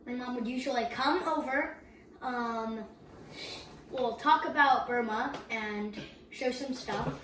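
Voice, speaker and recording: A woman's voice: a little high, slow, fairly bright tone, a little hiss or hum. A young woman-sounding family member chatting matter-of-factly about school traditions. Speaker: older child of the family. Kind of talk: casual family chat. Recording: echoey room, voice from far off.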